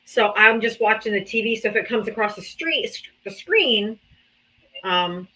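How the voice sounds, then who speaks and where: A chatty woman hosting a live stream in easy, casual conversation. Her voice is bright and clear, and she laughs easily and swears in passing. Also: medium pitch, lively intonation, measured pace, a little hiss or hum, low-quality recording. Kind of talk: casual chat.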